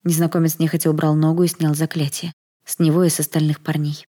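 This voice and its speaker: Low-voiced woman narrating an audiobook. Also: level tone, fast talker, mellow. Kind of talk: first-person audiobook narration.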